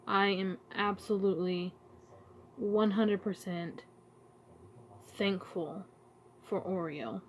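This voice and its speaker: Tearful woman vlogging, halting speech. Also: mid-range voice, slight background noise. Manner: emotional, halting, searching for words. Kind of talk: casual heartfelt vlog talk.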